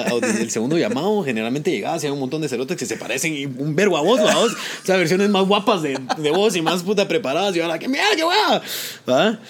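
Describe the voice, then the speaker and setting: Fast-talking Guatemalan man telling stories. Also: on the high side, a little hiss or hum. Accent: Guatemalan Spanish. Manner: animated storytelling, heavy slang, acts out quotes. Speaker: actor telling his career story. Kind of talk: casual interview chat.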